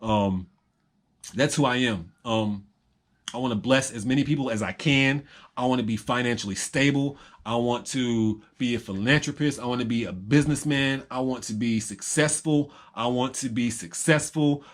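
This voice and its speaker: A man's voice: medium pitch, moderate pace. A young man in a rambling, reflective personal monologue to camera, full of ums and repeated phrases. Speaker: vlogger.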